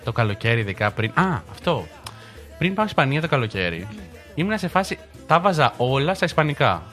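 A man's voice: medium pitch, big pitch swings, fairly bright tone, faint music behind. A young man hosts a radio show from a studio, his voice sitting in a middle range. He talks loosely, rambling and restarting as he chats with his guests. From Greece. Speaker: radio host. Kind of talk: casual chat.

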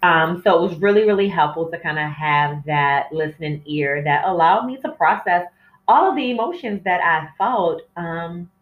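A woman's voice: lowish voice, normal speed. A woman hosting a casual, candid solo podcast, rambling and easily sidetracked, heard from a distance on a phone microphone. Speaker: podcast host. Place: indoor room with plants. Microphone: cell phone set away from her, distant. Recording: echoey room, distant phone mic, dull sound.

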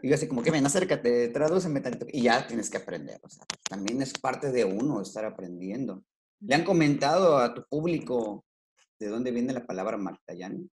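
A man's voice: mid-range voice, animated, moderate pace, a little mellow, a little hiss or hum. A man with a Mexican Spanish accent, a schoolteacher explaining his work in a casual interview, talking with many fillers and restarts. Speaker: rural schoolteacher, guest.

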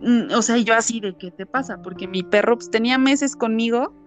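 A woman with a Mexican accent, telling a ghost story in a relaxed, chatty way, with many fillers, acting out what people said. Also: a little high, a little fast, soft background music. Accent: Mexican Spanish. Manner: animated, many fillers, acts out quotes. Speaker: guest telling ghost stories. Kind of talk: casual storytelling chat.

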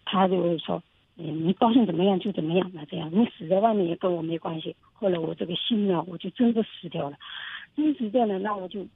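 Husky woman caller on a phone line. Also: on the low side, fast, no echo. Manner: hesitant, repeats herself. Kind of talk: call-in advice talk.

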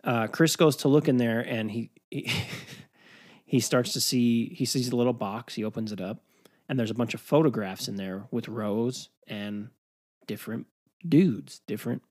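A man hosting a podcast, retelling a film's plot in loose, rambling chat. He speaks in a mid-pitched voice, swears freely and often laughs mid-story. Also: normal speed, a little mellow. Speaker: podcast host. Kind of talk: casual film recap chat.

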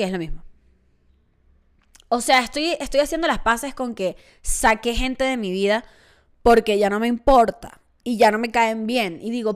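Chatty young woman with a clear voice. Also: on the high side. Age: 20s. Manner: chatty, self-mocking, acts out quoted voices. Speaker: podcast host. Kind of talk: casual solo monologue.

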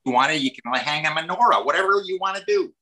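A man's voice: on the high side, very animated, fast, sharp tone, voice pushed up. A man putting on a friendly, hospitable Midwestern man with a Midwestern American accent.

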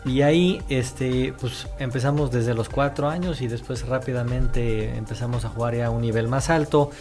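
A man's voice: medium pitch, moderate pace, faint music behind. Man from Israel telling stories. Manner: animated storytelling with many fillers. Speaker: guest author. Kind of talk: casual interview talk.

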